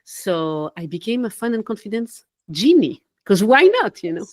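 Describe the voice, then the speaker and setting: A young woman from Switzerland, a life coach and podcast guest, talking in an animated, casual way with small laughs and self-corrections. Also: mid-range voice, moderate pace. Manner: animated, laughs between phrases, loses her train of thought. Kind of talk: casual interview talk.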